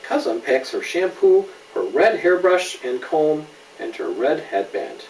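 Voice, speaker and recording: With a very animated, highish voice at a slightly slow pace, a father reads a story to a child, patiently explaining things and posing questions in casual asides. The recording is roomy and distant, with faint background noise.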